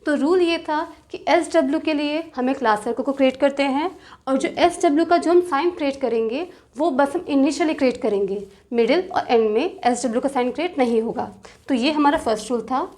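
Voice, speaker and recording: A woman teaching shorthand step by step, patiently repeating rules and slowly drawing out example words, with terms. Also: high voice, darkish tone. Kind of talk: step-by-step tutorial explanation.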